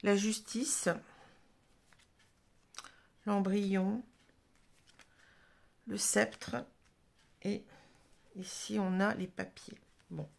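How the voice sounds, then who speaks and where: A woman giving a casual tarot reading, talking in halting phrases with many fillers and restarts. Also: medium pitch, level tone, vocal fry. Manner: halting, full of "hein" and "vous voyez", restarts. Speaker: tarot reader.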